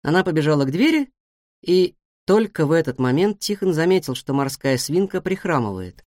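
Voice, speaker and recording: A woman narrating a children's story in a calm, expressive reading voice. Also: low voice, normal speed, dry recording, clean studio sound. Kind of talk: audiobook storytelling.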